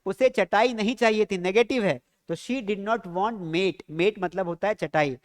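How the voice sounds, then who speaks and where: A man's voice: sits high, unhurried. A man teaching a spoken English lesson, explaining patiently, asking the viewers questions and drilling pronunciation.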